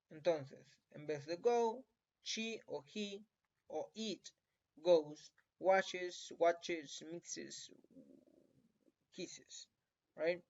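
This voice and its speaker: A man with a Chilean accent teaching a recorded lesson, patient and checking in with the listener after almost every point. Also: on the high side. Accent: Chilean Spanish. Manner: patient, checks in often with tag questions. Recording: dull lo-fi recording.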